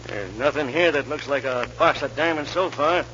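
Man playing a gruff cold-blooded outlaw. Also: a little high, normal speed, background noise, natural voice. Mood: harsh. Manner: gruff, rough western slang. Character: ruthless male outlaw, bossy, cold-blooded. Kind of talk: 1940s radio acting. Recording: muffled old radio recording.

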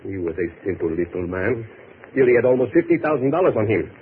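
Formal Cuban police chief, politely probing, lively intonation, vintage radio drama with tinny sound. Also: male voice, on the low side. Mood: suspicious, courteous. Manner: formal, measured, foreign phrasing. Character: courteous, suspicious Cuban police chief, male. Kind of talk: 1940s-50s radio drama acting. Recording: tinny, faintly noisy old radio recording.

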